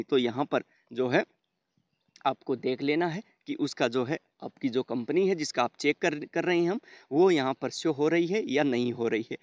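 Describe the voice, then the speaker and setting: With a fairly high-pitched voice, this tutorial host walks his audience step by step through a screen recording, addressing them as friends. Repeated fillers pepper his narration, and the studio sound is clean and echo-free.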